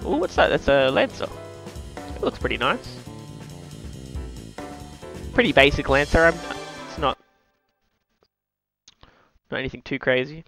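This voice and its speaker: A higher-voiced Australian man gives casual live-stream commentary on a game. He talks like an everyday Aussie bloke, with slang and mild swearing. Loud game music and car sounds run behind him. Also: very animated, a little slow, vocal fry, long pauses. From New South Wales, Australia. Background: racing game music and car sounds.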